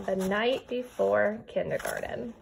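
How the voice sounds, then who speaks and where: A woman reads a rhyming picture book to little ones the way a kindergarten teacher would, animated and speaking straight to them, breaking off for chatty asides. Her mid-pitched voice is creaky and a little slow, with background noise.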